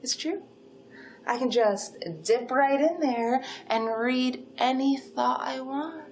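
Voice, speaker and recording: A woman's voice: high voice, takes it slowly, a little mellow. Woman playing an unhinged, menacing, possessive yandere kidnapper. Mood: unhinged menace. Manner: unhinged sweet menace, gushing then threatening. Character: possessive yandere supernatural female kidnapper, gushing and controlling. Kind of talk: dramatic second-person role-play monologue.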